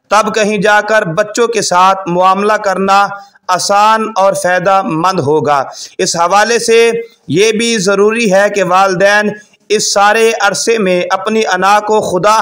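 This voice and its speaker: A man with a notably high voice reads out parenting guidance. His delivery is formal and measured, paced in short, deliberate phrases like a prepared talk. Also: a bit bright. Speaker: parenting advice presenter. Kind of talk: scripted advice narration.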